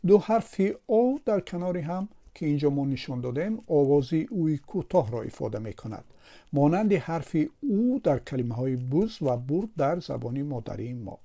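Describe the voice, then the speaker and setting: A man with a Tajik Persian accent teaches English pronunciation from a word table. He goes slowly, says each word more than once and asks and answers his own questions. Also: a little high, vocal fry, mellow.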